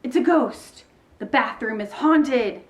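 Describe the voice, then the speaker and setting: Lady reading as a little schoolgirl, a bit higher, earnest and mysterious, storybook voice. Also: big pitch swings, moderate pace. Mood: dramatic. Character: young schoolgirl, dramatic and mysterious.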